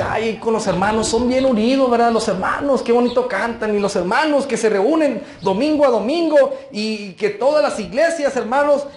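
A man's voice: high-pitched, echoey room. A male pastor preaching a conversational sermon, often tossing in rhetorical asides to the congregation.

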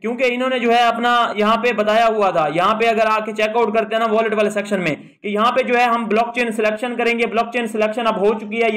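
A man hosting a tutorial video, talking through an app step by step in a voice-over and padding nearly every phrase with the same filler. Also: high-pitched. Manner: fills almost every phrase with a habitual filler; steady explaining tone, step by step. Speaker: YouTube tutorial host. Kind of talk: screen walkthrough voice-over.

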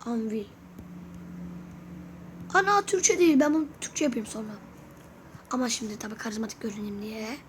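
Woman, high-pitched, gaming YouTuber, casual chatty commentary, talks to viewers. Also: moderate pace, long pauses, slight background noise. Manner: chatty, keeps addressing viewers, asks for comments.

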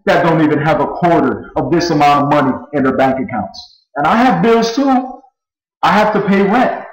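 A man in his twenties giving a screen-recorded sales pitch, pushy and boastful, repeating himself a lot. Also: roomy sound, rough recording. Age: 20s. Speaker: network marketing recruiter.

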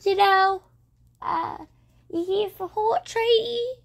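A woman's voice: very high voice, takes it slowly, gravelly, pitched above the performer's own voice, heavily acted. A young woman voicing a chatty old woman who gets emotional easily. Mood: gushing. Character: chatty, weepy old woman at a horse trading lesson.

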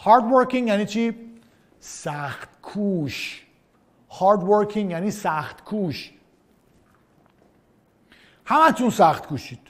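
Male teacher, high voice, very animated, slow drills and fast asides. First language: Persian. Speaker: English teacher. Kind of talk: online vocabulary lesson.

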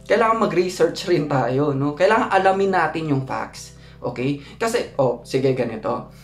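A man's voice: lively intonation, normal speed, faint music behind. Chatty man in an echoey room. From Philippines. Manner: chatty, often asks "no?" to the viewer; rises high when acting out his own thoughts. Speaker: vlogger. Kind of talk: casual storytelling vlog.

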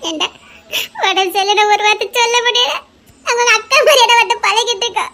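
A woman's voice: very high voice, a little fast, pushed and bright, full character voice. A woman with a Tirunelveli Tamil accent playing a grieving older sister, sobbing and wailing over her sick brother. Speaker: actor in a family drama. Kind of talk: weepy family drama acting.

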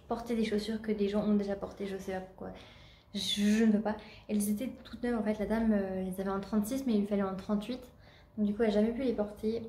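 A woman's voice: mid-range voice, mellow, roomy sound, slight background noise. A woman with a Normandy French accent chatting casually at home in a vlog, with many fillers and restarts. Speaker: vlogger.

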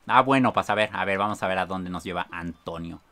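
A man with a Mexican accent streaming a game, reading chat aloud and breaking into excited shrieks and laughter. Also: low voice, fairly quick, a little hiss or hum. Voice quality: bursts into shrieks and squeals of excitement, laughs often.

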